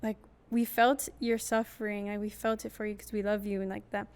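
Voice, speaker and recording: A young woman hosting a podcast in casual chat, telling a story in a lively way and acting out quoted lines. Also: medium pitch, a little fast, clear, resonant tone.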